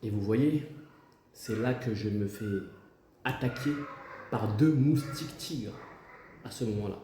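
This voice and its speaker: A man plays a self-important president in a comic sketch. His voice is low and soft-edged, in a roomy echo. He is stern and insinuating, dressing up threats as diplomacy. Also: a little slow, slight background noise, lightly acted. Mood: indignant, pompous. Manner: pompous, insinuating, mock-diplomatic. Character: stern, pompous human president scolding and threatening a rival.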